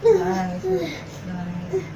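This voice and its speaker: Mom chatting at home, sighs a lot, distant mic and room noise. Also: female voice, very high-pitched, sing-song, a little fast, vocal fry, reverberant. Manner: sympathetic, sighing. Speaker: mother filming a family prank. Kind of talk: casual family chat.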